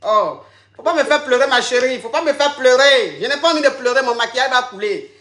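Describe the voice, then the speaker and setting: A high, bright-voiced woman holds court as a comic advice coach, flamboyant and teasing. The room around her rings with echo. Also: brisk. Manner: flamboyant, teasing, calls everyone darling. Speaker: comic agony-aunt coach. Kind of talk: comic phone-in advice sketch.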